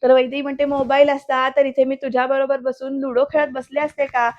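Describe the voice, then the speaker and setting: A woman gives a voice-over recap of a TV serial episode, speaking straight to her viewers. Her voice sits high and stays fairly level. She reads the characters' dialogue aloud without much change in her tone. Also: little pitch movement, a little fast, highs cut off. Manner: retells scenes, addressing viewers directly; reads characters' dialogue in quotes, mostly plainly.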